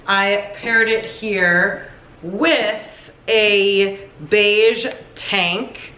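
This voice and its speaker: A woman's voice: medium pitch, steady tone, very slow, sharp tone, muffled recording. A young adult woman chatting casually through a fashion styling vlog, upbeat and full of filler "like"s. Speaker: fashion vlogger. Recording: echoey room, distant mic.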